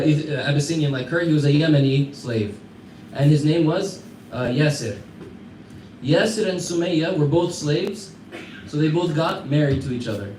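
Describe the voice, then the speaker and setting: A man's voice: fairly high pitch, darkish tone. An American man giving a storytelling lesson to a class, talking conversationally, quizzing his listeners and chuckling through anecdotes. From United States. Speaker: teacher. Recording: echoey room, mic far off, faint background hum.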